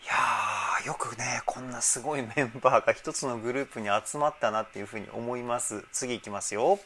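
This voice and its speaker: A man working as a vocal trainer, giving casual, enthusiastic analysis of a music video's singing and breaking in with excited remarks as he explains. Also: mid-range voice, brisk, slight background noise.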